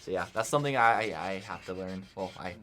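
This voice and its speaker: A man's voice: low-pitched, fast, a little hiss or hum. A young adult man giving casual reaction commentary among friends in a lightly self-mocking way. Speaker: YouTube art channel creator. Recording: loud music behind the voice. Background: music.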